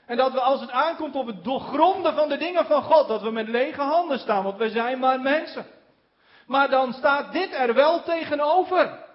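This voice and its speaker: A man preaching a sermon, slowing down on key words for emphasis and chuckling now and then. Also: extremely high pitch. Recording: dull lo-fi recording.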